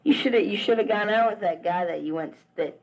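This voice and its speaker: A teenage boy from Virginia, a high school wrestler with a Southern accent, sends a friend back home a casual spoken letter, rambling as if into a tape recorder. He speaks briskly in a high voice over poor audio, wandering between thoughts with lots of "uh" and false starts.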